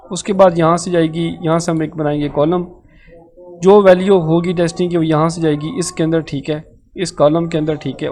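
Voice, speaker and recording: A man's voice: on the high side, darkish tone, a little hiss or hum. A man with a Pakistani Urdu accent teaching a live online coding lesson, explaining step by step and checking in often. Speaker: programming tutor. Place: live online class session.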